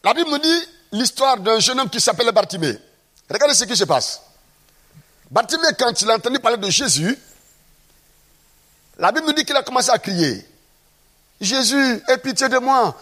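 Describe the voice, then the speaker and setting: A man's voice: very high voice, big pitch swings, fairly quick, pauses often, sharp tone. A man preaching a sermon, acting out scenes from the Bible and asking the congregation rhetorical questions.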